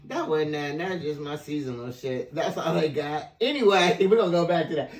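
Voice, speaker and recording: A woman hosting a casual talk show, lively and teasing with her guest. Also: sits low, fairly quick, roomy sound, distant mic. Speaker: host.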